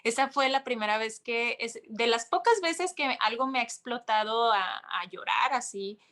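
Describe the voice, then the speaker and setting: Young woman, podcast guest, high bright voice, animated storyteller acting out quotes. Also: normal speed. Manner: animated, full of restarts and acted-out quotes. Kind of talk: casual storytelling interview.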